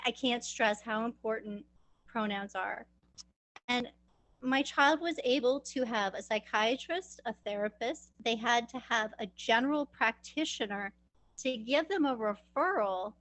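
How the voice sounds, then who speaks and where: A mother telling her story at an advocacy training, emotional and halting, with restarts and pauses. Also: fairly high pitch, a bit bright, no echo, poor audio. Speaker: parent giving testimony. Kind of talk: personal testimony at an advocacy training.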